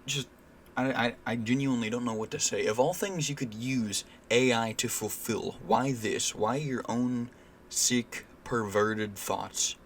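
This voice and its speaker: A man's voice: mid-range voice, steady tone, a little slow, a little hiss or hum. A young man ranting casually and indignantly in a vlog, swearing freely and using lots of fillers. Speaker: vlogger.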